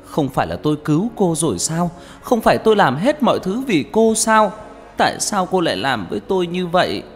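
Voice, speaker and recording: A man's voice: sits high, wildly swooping pitch, fairly quick, voice pushed up. Man voicing a frantic pregnant young woman. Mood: anguished shouting. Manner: pleading, stammering, frantic. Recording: reverberant with background music.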